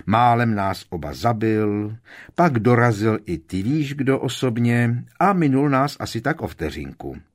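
A man's voice: mid-range voice, lively intonation, natural voice. A man reading aloud and voicing a wry, tense teenage boy wizard.

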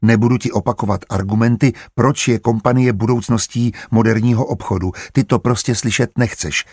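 A male narrator voicing a patient, calculating merchant who speaks calmly and firmly. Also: mid-range voice, breathy edge, no room sound, studio quality. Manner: calm and measured.

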